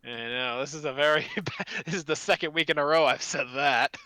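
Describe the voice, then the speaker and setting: A man's voice: a little high, fairly quick, sharp tone, no echo, poor audio. A man co-hosting a casual gaming chat, chatty and self-mocking, laughing often. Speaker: podcast co-host.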